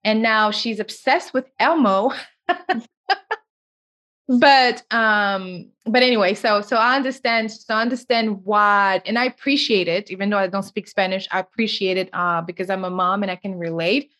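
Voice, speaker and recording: A woman's voice: medium pitch, moderate pace, fairly bright tone. A woman from Cape Verde hosting a podcast, chatting casually in a rambling way, restarting sentences often. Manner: rambling, with frequent restarts and fillers. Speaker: podcast host. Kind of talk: casual chat.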